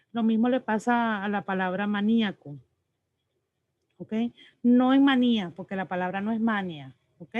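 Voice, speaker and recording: A woman's voice: medium pitch, a little mellow. A woman teacher explaining spelling and pronunciation rules to her class, patient and explanatory, often checking in with "ok?". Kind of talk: online class lecture. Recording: slightly dull lo-fi audio.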